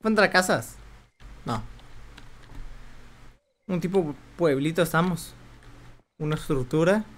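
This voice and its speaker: A young man streaming a video game, commenting excitably, swearing often and yelping when startled. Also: fairly high pitch, slow pace, long pauses. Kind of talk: let's play commentary.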